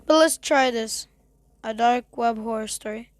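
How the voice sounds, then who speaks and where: A woman's voice: fairly high pitch, a little slow, dry recording, studio quality. A woman hosting a reaction video, chatting casually and apologetically between stories. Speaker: host.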